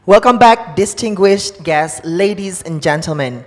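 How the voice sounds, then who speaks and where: A woman's voice: lowish voice, a little slow, a little mellow. A woman with an Indonesian accent, formally hosting a conference as master of ceremonies. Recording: reverberant conference hall sound.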